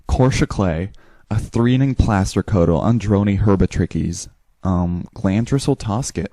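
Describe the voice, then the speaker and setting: A man's voice: on the low side, unhurried, mellow, dry recording. A man speaking made-up gibberish that imitates the sound of foreign languages, in changing mimicked accents.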